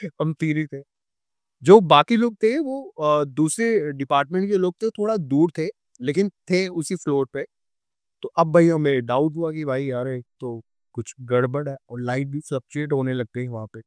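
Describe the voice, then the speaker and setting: A young man with a Delhi Hindi accent telling a true ghost story on a podcast, animated and acting out the scenes. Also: a little high, normal speed, no room sound, clean studio sound. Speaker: podcast guest.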